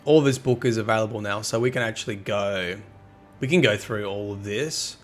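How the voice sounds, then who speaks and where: A man's voice: lowish voice, a little fast, faint music behind. A man streaming live who reads game lore aloud casually, chatting with his audience and tripping over hard words.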